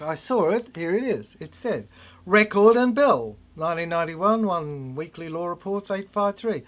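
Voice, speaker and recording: Speaking at medium pitch, an older person rambles through a cryptic monologue, breaking into halting fragments and repeating phrases to stress them.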